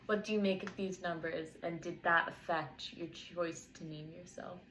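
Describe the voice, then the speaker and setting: A woman's voice: lowish voice, fairly even intonation, normal speed, fairly bright tone, a little hiss or hum, rough recording. A young woman, a student, interviewing a partner and carefully reading prepared questions and explanations from notes.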